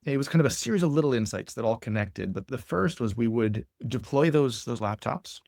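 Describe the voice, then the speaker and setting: A man being interviewed as a company founder, telling stories in an animated way and often repeating words as he builds a point. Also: mid-range voice, a little fast, vocal fry, no room sound, clean studio sound. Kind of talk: conversational interview.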